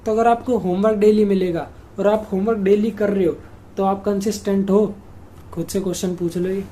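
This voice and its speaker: A man's voice: high-pitched, steady tone, moderate pace, dark tone. A young man hosting a study-tips video, giving casual advice to students and speaking straight to viewers as he walks through numbered points.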